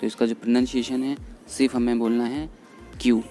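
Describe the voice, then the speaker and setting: A man explaining English vocabulary in Hindi, patiently repeating each word slowly. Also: mid-range voice, little pitch movement, warm tone. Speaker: English teacher. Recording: faint background music under voice. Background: faint background music.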